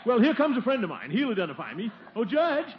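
An actor playing a pompous, easily flustered middle-aged uncle and town official, blustering and chuckling in 1940s radio comedy style. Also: male voice, very high-pitched, huge pitch swings, fast talker, full character voice. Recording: dull, hissy old radio recording.

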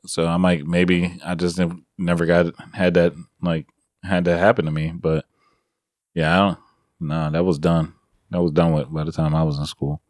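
A man's voice: low voice, flat delivery, normal speed, a little mellow, no echo, clean studio sound. A middle-aged man co-hosting a podcast from his bedroom, blunt and sarcastic, laughing often in casual chat. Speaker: podcast co-host. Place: bedroom at home.

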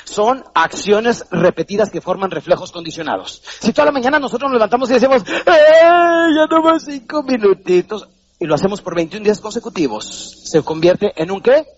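Talking fast with few pauses, this motivational speaker has a high, breathy voice, and the audio's highs are cut off. He's a Mexican man giving a live seminar talk in a hall, theatrically performing little voices and questioning his audience with animated energy.

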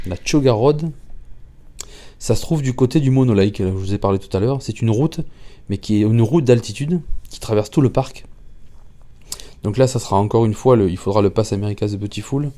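Male vlogger, very dark and mellow tone, casual halting travel recap. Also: on the low side. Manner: halting, many restarts and repeated words.

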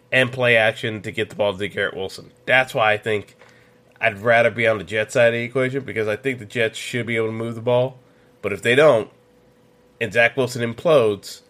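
A man's voice: mid-range voice, a bit bright. A man hosting a solo sports podcast, giving opinionated betting picks in a casual way with lots of fillers and restarts. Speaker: podcast host.

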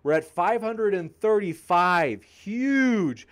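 A man with a fairly high voice hosts a live stream and reads out viewer comments. He jokes with the chat in an upbeat, casual way. He sounds a little tired. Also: lively intonation, slow pace. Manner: upbeat, joking, reading viewer comments aloud. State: tiring, pausing to drink. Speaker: debate channel host.

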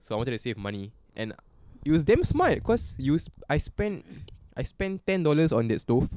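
Young male co-host, Singaporean accent, casual Singlish banter and anecdotes, relaxed dark tone, dry recording. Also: fairly high pitch, normal speed, no room sound. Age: young adult. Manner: colloquial Singlish with slangy sentence particles. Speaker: podcast co-host. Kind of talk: casual chat, storytelling.

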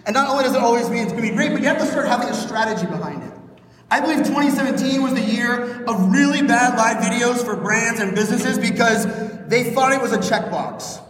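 A man in his thirties from Pittsburgh giving an energetic conference keynote with punchy jokes, recorded on a phone from a stage in a large hall. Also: extremely high pitch, distant mic, a little hiss or hum. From Pittsburgh, Pennsylvania, USA. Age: 30s. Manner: fast, punchy, joking with the crowd. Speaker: keynote speaker.

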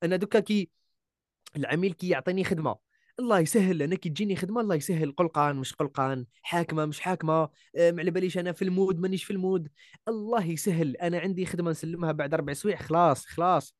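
A man's voice: on the high side, rapid-fire, dry recording, studio quality. A young man with an Algerian Arabic accent, a voice-over artist talking casually as a guest, emphatic and repeating key words. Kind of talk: casual interview chat.

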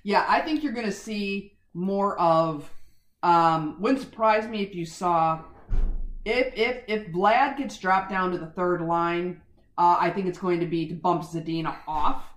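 A woman's voice: lowish voice, measured pace, reverberant. A woman co-hosting a casual sports podcast, chatty, interrupting herself and laughing easily. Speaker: podcast co-host.

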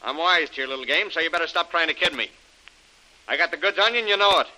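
A man's voice: a little high, animated, quick pace, pushed and bright, rough recording. An actor playing a threatening male villain in a 1930s radio drama, talking in tough-guy slang. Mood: menacing. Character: menacing adult male villain, cold bully.

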